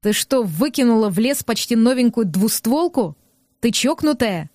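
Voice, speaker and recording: A woman giving voice to an irritable young man in an audiobook, curt and scornful, every line snapped out. The voice sits fairly high and sounds dry and close. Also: animated, moderate pace, darkish tone, no room sound, close to an everyday voice. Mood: gruff. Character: gruff rude young man, irritable and sharp-tongued.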